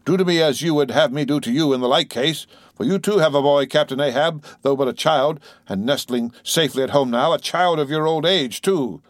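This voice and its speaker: A desperate whaling captain pleads and insists, as a male reader puts him on. The voice sits higher and pushes harder than the narration. It is recorded close and dry. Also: brisk, no echo, close to an everyday voice. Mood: beseeching. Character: desperate middle-aged male whaling captain begging for help.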